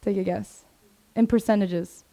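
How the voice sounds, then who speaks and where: Speaking to students in a classroom, a young woman in her 20s delivers a chatty career talk heavy with fillers and side comments. She's from Sweden and grew up in Maryland, USA. Her medium-pitched voice is warm and creaky, steady in tone and a little slow, recorded on a 360 camera in the room.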